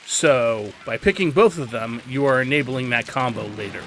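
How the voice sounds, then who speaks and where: A man with a mid-range voice and moderate pace narrates gameplay for a gaming video, explaining things conversationally like a tutorial. Game noise stays faint in the background.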